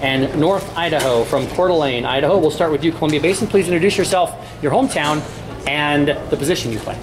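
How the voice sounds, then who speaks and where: A man hosting a sports press conference, introducing teams and asking players questions in a friendly, scripted way with filler pauses. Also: a little high, noisy background. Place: tournament press conference room.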